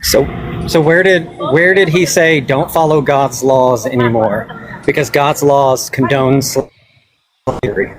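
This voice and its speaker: A man's voice: mid-range voice, steady tone, slow pace. A man on a call-in debate whose call audio keeps glitching and cutting out, firing pointed, challenging questions. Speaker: caller debating the host. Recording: noisy call line with clicks.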